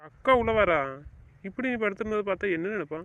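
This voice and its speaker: An actor playing a stern, protective young husband and brother who gives short orders. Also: male voice, high-pitched, a bit bright, dull audio. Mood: firm. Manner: brisk, bossy, gives orders. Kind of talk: family web-series drama acting.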